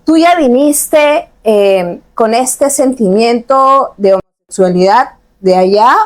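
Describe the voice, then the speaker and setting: A woman's voice: a little high, expressive, slow pace. A woman hosting a faith podcast, welcoming her guest and asking questions with affirming interjections. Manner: warm welcoming, with affirming backchannels. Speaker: podcast host.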